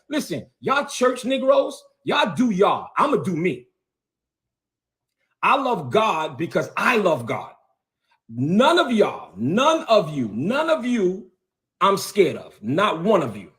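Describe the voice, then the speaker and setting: A bishop livestreaming a confrontational rant in a high, lively voice that swings up and down. He hammers his points over and over and talks straight at the people he is calling out. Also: unhurried. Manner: confrontational, repetitive, heated. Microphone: phone or webcam on a livestream.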